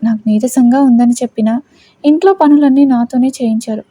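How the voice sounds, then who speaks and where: A woman's voice: on the high side, brisk, warm tone, no echo, natural voice. A woman voicing a frightened, distressed young bride who pleads.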